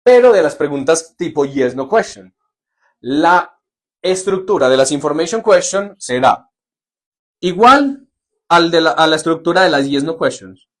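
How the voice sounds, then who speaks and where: A man with a fairly high voice teaches a live class. He keeps it light and joking and keeps checking that everyone is following. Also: measured pace. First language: Spanish. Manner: lively, jokey, asks "¿listo?" often. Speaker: English teacher. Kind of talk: live online lesson.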